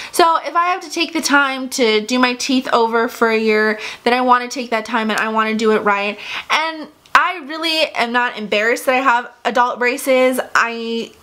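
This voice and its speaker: Young woman vlogger with braces, chatty, bright, a bit high, casual storytime. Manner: chatty, many "like" fillers. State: speaking with braces.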